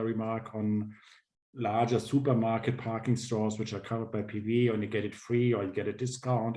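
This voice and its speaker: A man taking part in a casual online panel discussion, speaking in a measured, thoughtful way. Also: medium pitch, mellow. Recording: roomy video call audio.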